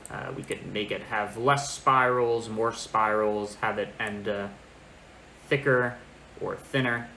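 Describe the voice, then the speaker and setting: A young man in his twenties giving a casual software tutorial, thinking aloud informally as he works. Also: fairly low pitch. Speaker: tutorial presenter. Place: small indoor room. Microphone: makeshift microphone, not the usual good one. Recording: echoey room, fan noise, lesser microphone. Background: fan noise, computer keyboard.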